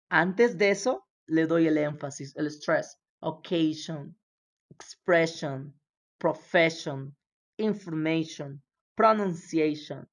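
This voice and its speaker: A woman's voice: on the low side, a little mellow. A woman whose first language is Spanish, teaching a language class, patiently repeating words for her students to echo. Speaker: English teacher.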